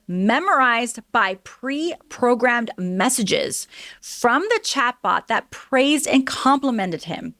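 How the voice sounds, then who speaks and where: Reading out news stories and responding to them frankly and conversationally, this solo podcast host is a woman in her early forties. She has a medium-pitched, fairly bright voice, and the studio-quality recording has no echo.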